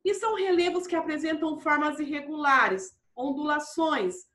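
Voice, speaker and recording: A woman's voice: high-pitched, normal speed, pushed and bright, roomy sound. A woman teaching a primary school class, patiently walking through exercises and often checking in with the children. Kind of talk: classroom lesson walkthrough.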